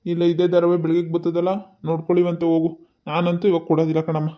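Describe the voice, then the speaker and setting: A stubborn young son in a cartoon talks back with sulky defiance, voiced by a man. His voice is high and flat, recorded with a dull, lo-fi sound. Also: very fast, natural voice. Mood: defiant. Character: stubborn lazy college-age son.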